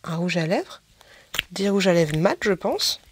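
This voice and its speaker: Excitable french lady doing a makeup haul, bouncy voice all over the place, bit of hiss. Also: lowish voice, unhurried. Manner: gushing, excitable, squeals over small items. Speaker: beauty haul vlogger. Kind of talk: casual unboxing chat.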